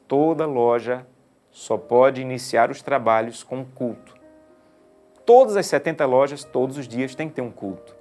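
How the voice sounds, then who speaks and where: A man pastor preaching a sermon with a mid-pitched voice. He moves from loud, stressed appeals to quiet, intimate lines, and soft music sits far behind him.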